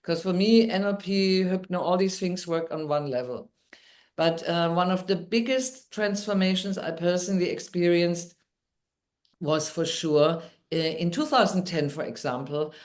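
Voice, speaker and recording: A woman's voice: fairly low pitch, unhurried, a little mellow. Upbeat woman with a German accent. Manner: upbeat, storytelling. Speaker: guest, midwife and NLP trainer. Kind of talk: podcast interview.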